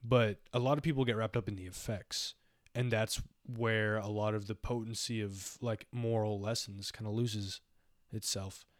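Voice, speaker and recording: A man's voice: lowish voice, steady tone, normal speed, no room sound, studio quality. A young man co-hosting a podcast, musing in casual philosophical chat with a lot of "like" and "you know". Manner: rambling, reflective, heavy use of "like". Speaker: podcast co-host.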